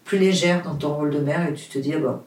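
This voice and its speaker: A fast-talking woman with a deep, darkish voice chats as an interview guest. She is an author from Portugal and a native Portuguese speaker, recorded with a roomy, distant sound. Her delivery is earnest but hesitant, with many fillers and restarts.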